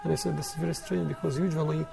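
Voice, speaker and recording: A man's voice: on the high side, flat delivery, racing, creaky, over music. A man answering viewers' questions as a scholar in a live studio discussion, explaining in a conversational way.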